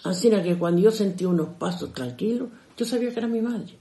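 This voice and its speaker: A woman's voice: medium pitch, lively intonation, quick pace, mellow. An older woman casually telling stories from her youth, chatty and homely, addressing her listeners directly. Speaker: storyteller. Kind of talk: casual storytelling of memories. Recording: roomy echo.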